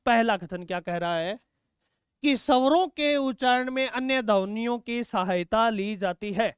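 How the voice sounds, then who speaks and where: A man's voice: extremely high pitch, a little slow, smooth, no echo, studio quality. A male teacher taking students through exam quiz questions, asking questions and answering them himself and calling students "beta". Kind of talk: exam-prep quiz lesson.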